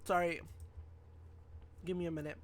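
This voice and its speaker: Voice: medium pitch, flat delivery, normal speed, background noise. A game streamer reading story text aloud during a live playthrough, stumbling, rereading and chatting to viewers.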